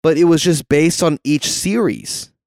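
A man's voice: on the high side, measured pace, a little mellow, no room sound, studio quality. A young man chatting casually while watching a movie, with a stutter, rambling and swearing freely. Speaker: movie watch-along co-host. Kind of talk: casual chat.

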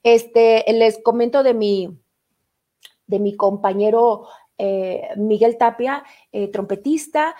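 A woman with a Mexican accent and a high, bright voice hosts a live online show. She talks casually and playfully, with lots of fillers along the way. She reads viewer comments aloud and answers them warmly. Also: slow pace, dull audio. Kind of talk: casual live-stream chat.

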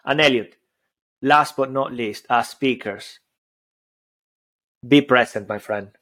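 A podcast co-host with a Venezuelan Spanish accent gives motivational speaking tips on a live audio show. He's energetic and emphatic, piling up repeated phrases, though his medium-pitched voice moves slowly.

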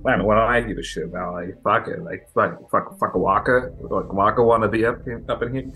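A blustering young woman with a thick Boston accent swears her way through every sentence, stammering and doubling back, as a man acts her out. Her voice sits low but rings bright and forceful. Faint music plays underneath. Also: fairly even intonation, brisk. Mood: ranting. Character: brash foul-mouthed young woman from Worcester posing as European.

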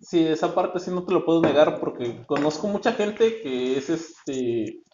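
A man's voice: a little high, animated, unhurried, a little mellow, slight background noise. A Mexican man co-hosting a podcast, teasing his friends in slangy, jokey banter. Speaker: podcast co-host. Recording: roomy, dull recording.

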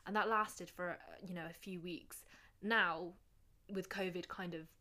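A woman in her twenties, a paramedic, chatting casually and explaining her work steadily, her voice trailing off quietly at the end of points. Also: lowish voice, steady tone, measured pace. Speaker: paramedic, podcast co-host. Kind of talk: casual chat.

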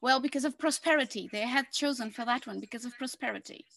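A woman's voice: on the high side, fast talker, gravelly. A woman from Portugal, chatting casually as a podcast guest. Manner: relaxed, chatty storyteller. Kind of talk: casual interview.

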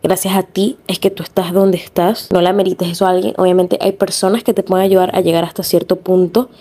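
Rambling young Venezuelan woman, mellow voice. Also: on the low side, flat delivery, a little fast, husky. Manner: chatty and rambling, full of fillers and self-corrections. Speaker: podcast host. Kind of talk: casual podcast monologue.

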